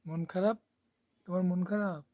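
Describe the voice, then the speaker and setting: A man, softly coaxing and soothing a pet bird in a sing-song way. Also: high-pitched, fairly even intonation, moderate pace, lo-fi sound. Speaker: travel vlogger.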